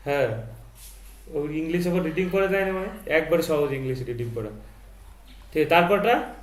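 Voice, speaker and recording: High-voiced male tutor in an echoey room. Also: moderate pace. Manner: prompting, questioning, correcting pronunciation. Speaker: teacher. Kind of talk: tutoring lesson, quizzing a learner. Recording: echoey room with faint noise.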